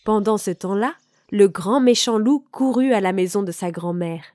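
Calm woman reading a storybook. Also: mid-range voice, normal speed, noisy background.

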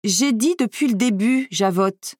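A woman's voice: fairly high pitch, lively intonation, normal speed, no echo, clean studio sound, pitched above the performer's own voice. A woman voicing a strict, demanding stepmother who bosses her daughters around in a storybook reading. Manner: bossy, exacting, commanding.

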